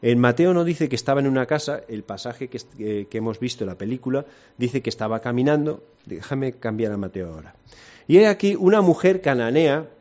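A man's voice: medium pitch, lively intonation, a little fast, a little mellow. A man giving a conversational sermon, retelling a Bible passage and asking his listeners questions. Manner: conversational, rhetorical questions, retells scripture with voices. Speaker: preacher. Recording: dull lo-fi sound.

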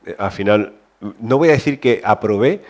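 Conversational preacher, soft then rising. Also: male voice, lowish voice, expressive, normal speed. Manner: conversational, many restarts, shifts between soft and raised. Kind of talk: sermon.

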